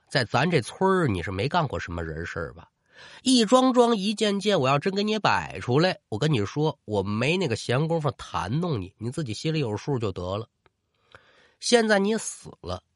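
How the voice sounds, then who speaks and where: A man's voice: mid-range voice, a bit bright, no echo. Guy doing a tough old granny bossing ghosts around, blunt, dry close sound. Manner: scolding, commanding, blunt. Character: stern fierce old village woman who whips ghosts.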